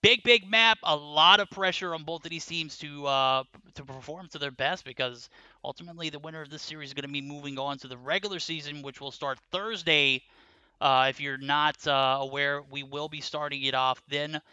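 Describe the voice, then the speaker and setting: A man calling a live esports match on a headset mic, his voice extremely bright and crisp. He talks in a loose, jokey way between the play-by-play, and the sound is dry and close. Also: a little high, brisk, no echo, muffled recording. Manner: chatty and jokey, with many fillers. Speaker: esports caster.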